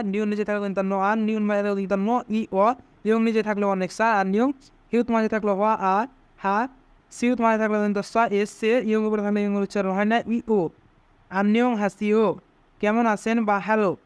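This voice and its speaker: A man's voice: high voice, little pitch movement, normal speed, smooth, dry recording. A man teaching pronunciation step by step, breaking each word into single sounds and repeating them. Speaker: language teacher. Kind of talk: slow step-by-step pronunciation lesson.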